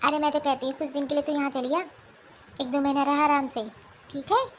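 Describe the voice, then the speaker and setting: A woman's voice: sits high, little pitch movement, fairly quick, a little hiss or hum, lightly acted. Woman voicing a bossy old mother-in-law. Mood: indignant. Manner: scolding, nagging. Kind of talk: animated cartoon voice acting.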